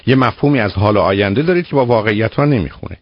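Speaking in a lowish voice with lively intonation and no echo, a man hosts a radio call-in show as a psychologist. Through muffled broadcast audio, he offers a caller direct, lecturing advice punctuated by pointed rhetorical questions.

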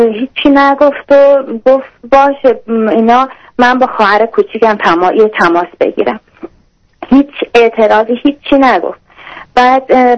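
A woman calling a radio advice show, talking in a halting, hesitant, apologetic way. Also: on the high side, lo-fi sound. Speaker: radio caller seeking advice. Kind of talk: call-in phone conversation.

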